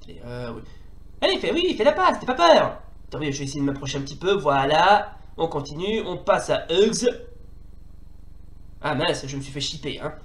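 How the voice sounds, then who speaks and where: A man from France giving casual gameplay commentary, switching into excitable mock sports-caster calls and swearing at his goalkeeper. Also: a little high, normal speed, echoey room. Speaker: retro gaming YouTuber.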